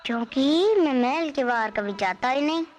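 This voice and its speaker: A woman playing a kind, sheltered young prince who speaks gently and reassuringly in a 1990s film. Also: high voice, expressive, moderate pace.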